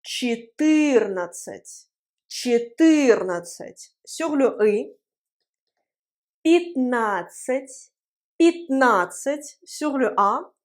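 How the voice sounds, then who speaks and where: A woman with a high voice gives a language lesson at a board. She speaks slowly and patiently, repeating each word so learners can follow. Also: animated. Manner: patient, drills words slowly and repeats them. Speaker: Russian language teacher. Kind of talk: video lesson. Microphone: writing on a board.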